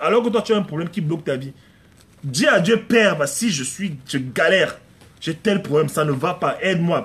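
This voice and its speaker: A man preaching a conversational sermon at home, emphatic and repetitive, often acting out prayers and little dialogues. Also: fairly high pitch. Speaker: pastor. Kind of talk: conversational live-streamed sermon.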